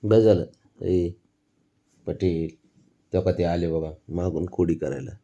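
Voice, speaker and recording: Gravelly low-voiced man teasing his cats. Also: level tone, measured pace, mellow, dull audio. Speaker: cat owner vlogger. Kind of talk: casual talk to pets.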